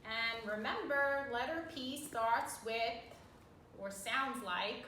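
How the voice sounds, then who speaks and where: A woman's voice: fairly high pitch, slow pace, pushed and bright. A woman preschool teacher giving a virtual lesson to small children, sing-song and encouraging, asking questions and sounding out words. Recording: roomy, distant mic, faint noise.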